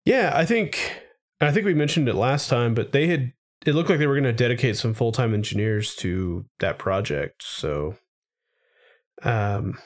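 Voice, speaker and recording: A man's voice: mid-range voice, lively intonation, moderate pace. A man co-hosting a casual tech podcast, sounding a little congested, informal and often asking questions. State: slightly congested from a cold-like illness. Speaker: podcast co-host.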